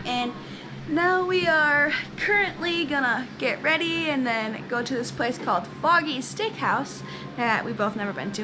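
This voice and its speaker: A woman vlogger chatting casually and upbeat on a road trip, with a giggly, talkative manner. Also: high-pitched. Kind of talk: casual travel vlog chat. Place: outdoors and in a car on a road trip. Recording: loud outdoor background noise.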